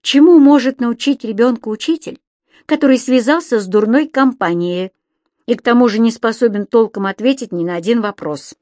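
A woman doing a high-pitched storybook creature, cheerful, teasing, naive, dry recording. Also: moderate pace, darkish tone, no echo, close to an everyday voice. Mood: cheeky.

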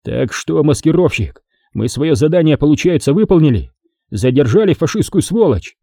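A gruff sergeant-major, wounded and hoarse, grumbling through the pain, as a man puts him on. The voice is dark and raspy, lifted a little above the narrator's own. It is a dry, close reading. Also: a little high, lively intonation, moderate pace, dry recording, voice pushed up.

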